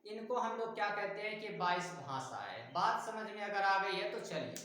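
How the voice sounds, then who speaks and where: Slow, high-voiced man teaching in an echoey room. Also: animated, bright, forceful tone, a little hiss or hum. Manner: playful, asks and answers his own questions. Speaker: coaching teacher. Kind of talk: classroom lecture with mnemonics. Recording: very echoey room, mic far off.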